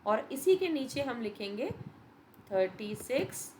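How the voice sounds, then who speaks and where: A woman's voice: on the high side, sing-song, a little slow, background noise. Patient woman teacher explaining step by step. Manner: patient, explains step by step, addresses students as beta. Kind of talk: revision lesson for children, Hindi-English mix.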